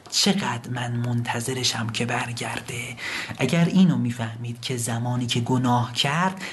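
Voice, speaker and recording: A male preacher delivering a heartfelt sermon at an ordinary, middle pitch. His delivery is lively and swinging, rising to full-voiced appeals and sinking to near whispers. He recites scripture lines slowly and deliberately. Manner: impassioned storytelling, swells loud and drops to whispers.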